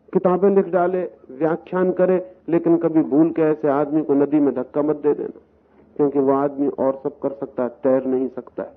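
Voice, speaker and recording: A man giving a slow, deliberate spiritual discourse, building his points through parables, repetition and rhetorical questions. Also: a little high. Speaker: spiritual speaker. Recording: tinny, narrow-band, lo-fi recording.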